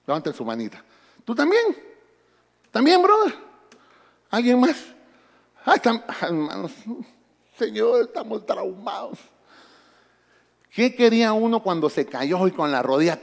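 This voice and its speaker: Animated male pastor preaching in a hall. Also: high-pitched. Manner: animated preaching, calls out to congregation. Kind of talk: sermon. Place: church.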